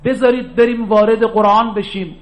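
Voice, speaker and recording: A man with a high voice delivers a religious sermon. He talks emphatically, sinks low and quiet for asides and climbs back up to stress his main points. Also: fairly even intonation, poor audio. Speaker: preacher.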